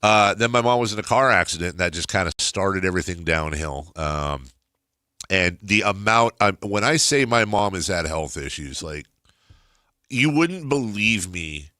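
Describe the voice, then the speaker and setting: A middle-aged man hosts casual talk radio in a very deep voice with a strongly nasal, stuffed-up sound. His tone is bright and punchy, in a dry, close studio sound. He rambles, repeats his words and readily makes fun of himself. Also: lively intonation, normal speed, dry recording. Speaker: radio talk show host.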